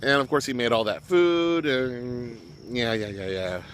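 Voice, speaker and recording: A man's voice: mid-range voice, unhurried, fairly bright tone, a little hiss or hum. A man talking casually as he reviews a web series episode, rambling with fillers and throwing in jokey asides. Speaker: show reviewer.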